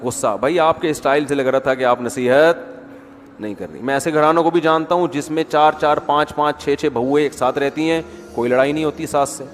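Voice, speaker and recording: Brief: a male preacher with a fairly high voice, chatty and questioning, in a reverberant hall with faint music. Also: fairly even intonation, slight background noise. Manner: conversational, rhetorical questions, mimics people. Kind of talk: sermon.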